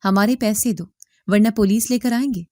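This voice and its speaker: Woman reading as rough demanding creditors. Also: medium pitch, mellow, dry recording, studio quality, lightly acted. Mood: threatening. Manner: demanding, mocking. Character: rough threatening male creditors at a door.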